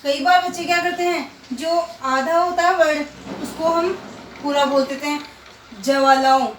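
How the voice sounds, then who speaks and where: A woman's voice: very high voice, steady tone, moderate pace, a bit bright, far from the mic, a little hiss or hum. A woman teaching a primary school class, patiently drilling pronunciation and asking and answering her own questions. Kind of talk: recorded online class lesson. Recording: roomy, from off-mic.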